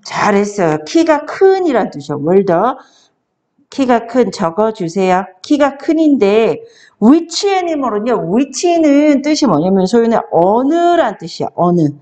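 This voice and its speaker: A woman tutoring a child one-on-one, coaxing the child along and reading sentences out slowly before explaining them. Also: a little high, big pitch swings, mellow.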